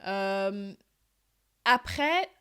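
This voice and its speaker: A woman co-hosting a podcast in casual chat, animated, with frequent laughs and restarts. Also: mid-range voice, very slow, smooth. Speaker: podcast co-host.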